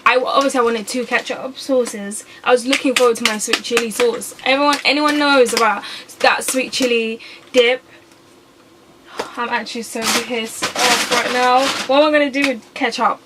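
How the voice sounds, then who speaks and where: A young woman chatting casually to camera while eating, animated and quick to get exasperated. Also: on the high side, background noise. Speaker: YouTuber.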